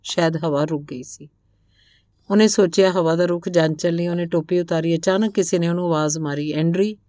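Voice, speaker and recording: A woman narrating a translated novel aloud in an even, measured storytelling manner. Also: lowish voice, no room sound, studio quality.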